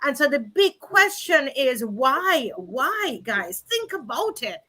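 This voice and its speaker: A woman's voice: high voice, very animated, takes it slowly, pushed and bright. A woman hosting an online panel discussion, asking rhetorical questions and addressing her listeners directly. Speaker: host.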